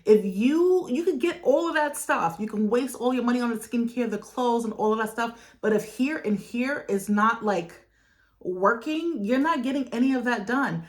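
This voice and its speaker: A woman's voice: on the high side, animated, normal speed. Young woman, vlogger, earnest and self-reflective, talking to her phone at home, laughs easily. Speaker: lifestyle vlogger. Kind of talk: casual talk to camera.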